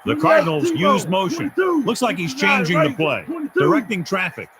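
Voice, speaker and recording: A lively play-by-play announcer. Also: male voice, sits high, over a noisy crowd. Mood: calm. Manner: brisk, clipped play calls. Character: male football play-by-play announcer, steady. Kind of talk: sports play-by-play commentary. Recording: game audio with steady hiss.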